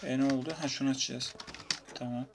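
A man commentating his own playthrough of a shooter game in a casual, chatty way, taunting enemies and breaking into excited shouts. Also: medium pitch, quick pace, vocal fry. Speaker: gamer playing through a retro shooter. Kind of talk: casual let's-play commentary. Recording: noisy, game gunfire behind. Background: video game gunfire and keyboard clicks.

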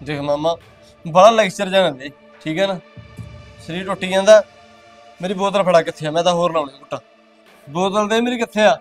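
A man's voice: high-pitched, fairly quick, pauses often, soft background music, natural voice. A man playing a drunk addicted husband who brushes off advice and asks for his bottle. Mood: drunk dismissive.

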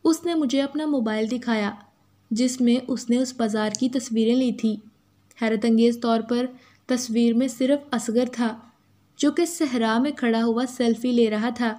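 A woman with an Urdu accent reading a first-person story as a steady, even narrator. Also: a little high, moderate pace.

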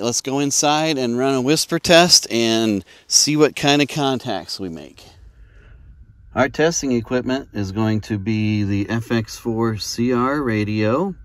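Here a ham radio enthusiast, a middle-aged American vlog host, casually walks through his hobby in homespun, straightforward language. His voice sits in the mid range with no echo, and he films in an open field, partly from within a parked car.

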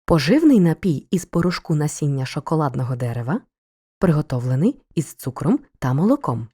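A woman narrating a scripted school lesson for children, explaining each point in a clear, measured way. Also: low voice, big pitch swings, warm tone. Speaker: teacher.

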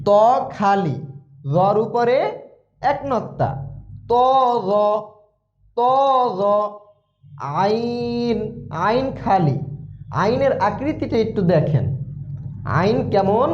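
A man with a Bangladeshi Bengali accent leads a patient beginner's Quran class, calling out each letter and repeating it many times. His voice sits high and moves at a very slow, deliberate pace. The recording is echoey and a little dull. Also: expressive, a little mellow. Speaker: Quran teacher. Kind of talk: slow letter-by-letter recitation lesson. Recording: echoey room, dull lo-fi sound.

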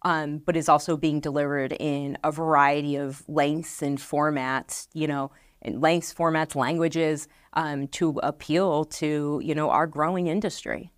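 A middle-aged woman with a low, dry voice answers interview questions on a podcast set. She speaks earnestly, circling back with fillers and restarts as she explains. The lapel mic keeps the sound close and dead. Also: steady tone, measured pace, hardly any pauses, no room sound. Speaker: marketing director guest.

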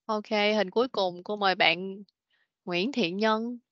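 A woman with a mid-range, slightly bright voice teaches children English in an online class, with no room sound. She patiently corrects pronunciation, repeats words slowly, and often says "rồi, ok." The audio is a dull, dry, lo-fi video call meeting recording.

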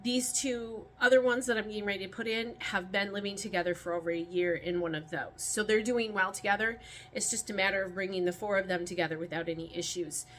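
Bright-voiced woman rambling outdoors. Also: medium pitch, steady tone, fast, slight background noise. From Michigan. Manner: rambling, many ums and restarts. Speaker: rabbit keeper vlogger. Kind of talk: casual talk while handling rabbits. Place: outdoors by a rabbit colony pen.

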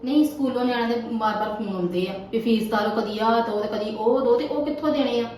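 A woman's voice: fairly high pitch, fast, recorded from a distance, close to an everyday voice. A woman playing an irritable wife in a family drama, grumbling and scolding about household money. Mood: annoyed. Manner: scolding, sharp-tongued, grumbling. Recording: echoey room, voice off-mic, faint noise.

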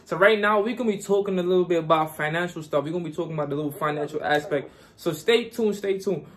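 A man's voice: on the high side, fast, a bit bright. A young man from Guyana vlogging casually and giving hyped, repetitive motivational advice.

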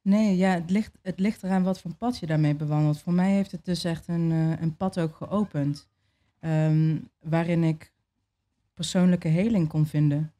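A young adult woman being interviewed, telling a personal story in a relaxed way, with many fillers and restarts. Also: fairly low pitch, normal speed. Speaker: interview guest.

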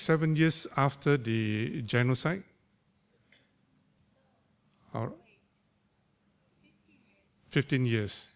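An older man, introducing a speaker in a church hall, teasing and using local slang. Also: mid-range voice. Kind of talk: informal introduction. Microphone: stand mic.

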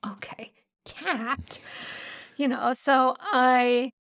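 A woman hosting a podcast and telling a lively story in casual chat. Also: high voice, drawn-out words, no echo, studio quality. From Sweden. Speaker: podcast host.

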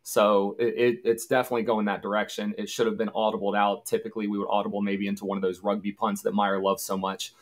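Low-voiced man telling game stories. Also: little pitch movement, fast, few pauses. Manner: easygoing, anecdotal, acts out quoted shouts. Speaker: guest, former college football punter. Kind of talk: casual interview storytelling.

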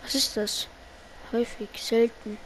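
A woman streaming gameplay, talking in heavy street slang and swearing at teammates in excited bursts. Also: a little high, measured pace, slight background noise, poor audio. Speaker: gaming streamer. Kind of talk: live gameplay commentary.

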